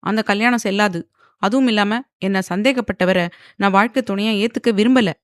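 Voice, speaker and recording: A woman's voice: medium pitch, fairly quick, dry recording, studio quality, close to an everyday voice. A woman voicing a proud young woman who answers back angrily and sarcastically, in an audio novel. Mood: defiant. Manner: angry, sarcastic.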